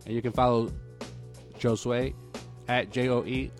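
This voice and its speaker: A man's voice: mid-range voice, level tone, a little slow, over music. Laid-back man hosting a sports podcast. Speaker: podcast host. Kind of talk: casual sports podcast chat.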